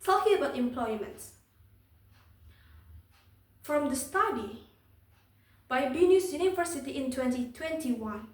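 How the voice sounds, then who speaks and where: Young female speech contestant, Indonesian accent, high pitch, stiff rehearsed-by-heart delivery, echoey room. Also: lively intonation, a little slow, pauses often. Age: young adult. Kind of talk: prepared competition speech. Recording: echoey room, distant microphone.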